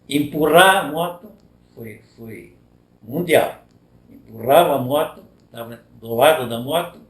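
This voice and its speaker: An older man with a southern Brazilian accent tells racing stories in a rambling, reminiscing way, often tagging his sentences with a questioning aside. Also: mid-range voice. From Paraná, Brazil. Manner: rambling, frequent tag "né?". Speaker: retired motorcycle racer. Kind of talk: reminiscing storytelling. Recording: roomy echoey room.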